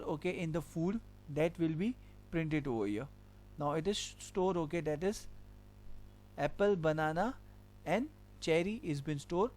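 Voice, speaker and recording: A programming teacher with a high, darkish voice runs a screen-recorded coding lesson. He explains the code step by step and keeps repeating points with the filler "okay".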